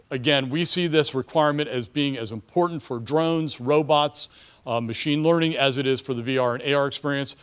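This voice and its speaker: A man presenting a startup pitch to an audience as a company chief, speaking confidently and emphatically.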